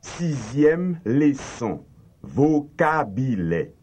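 A man's voice: mid-range voice, sing-song, extremely slow, darkish tone, slightly rough. A man repeating phrasebook lines for a language course in a careful, lilting way. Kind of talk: slow scripted phrasebook drill. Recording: dull lo-fi tape recording.

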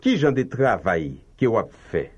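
Fairly low in pitch and slightly rough, this male voice moves at a normal speed with a sing-song quality. He's repeating lines for a language-course phrasebook in a careful, lilting, slow scripted drill, and the tape recording sounds dull and lo-fi.

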